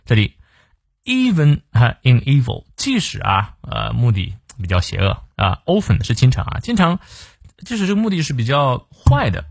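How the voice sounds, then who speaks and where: Lively man teaching English. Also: medium pitch, creaky, slightly rough, no echo, clean studio sound. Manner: lively, drawn-out filler particles, reads English lines slowly. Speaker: English teacher hosting a daily reading. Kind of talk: explaining English vocabulary and pronunciation.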